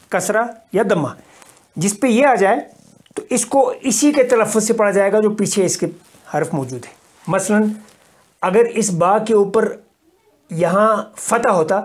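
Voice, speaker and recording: A man from Kashmir teaches a recorded language lesson at an unhurried, steady pace. He explains the same rule several times over. He draws out the example syllables so learners can follow. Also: high voice. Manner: patient, repetitive explaining, drawing out example syllables. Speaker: Arabic teacher.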